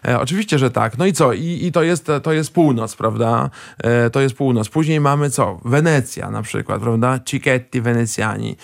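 A man chatting as a guest expert in a rambling way, often pausing with fillers and tagging questions onto his sentences. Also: medium pitch, vocal fry, dry recording, studio quality. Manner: frequent hesitant fillers and restarts. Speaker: guest expert on Italian food. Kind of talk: casual chat.

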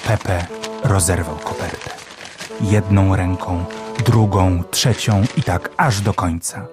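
A man reading a children's storybook aloud as narrator, in a gentle, animated way. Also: sits low, slow, music in the background. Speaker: audiobook reader.

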